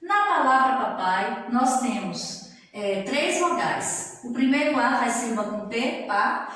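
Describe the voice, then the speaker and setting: A woman, sounding middle-aged, teaches a grammar lesson in a fairly high voice. She stretches each syllable out slowly and keeps checking in with her students. The recording sits in a very echoey room with a long reverb tail. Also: lively intonation, a bit bright, a little hiss or hum. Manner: slow, drawn-out syllables with frequent check-in tags.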